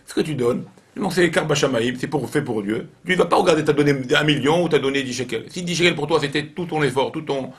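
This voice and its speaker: Man, rabbi, informal Torah lesson, animated storytelling, repeats phrases. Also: on the high side, fast talker.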